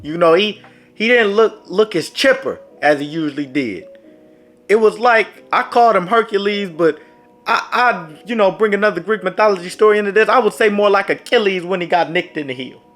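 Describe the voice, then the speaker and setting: Here a man with a high-pitched voice talks a little fast, recounting a dramatic sports story for his storytime vlog. He addresses viewers head-on in an animated, dramatic way, and faint background music can be heard.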